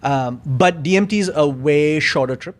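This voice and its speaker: Reflective man, slightly high voice. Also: normal speed. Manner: reflective, searching for words, many fillers. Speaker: podcast guest. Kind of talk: casual conversation.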